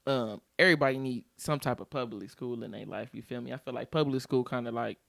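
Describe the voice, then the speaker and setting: A man's voice: mid-range voice, fast talker, creaky, a bit bright, no echo, clean studio sound. A young man in his twenties, a guest actor and musician, chatting casually with laid-back slang and frequent "you see what I'm saying" tags. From Cleveland Heights, Ohio; born in DC. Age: 20s. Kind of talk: casual chat.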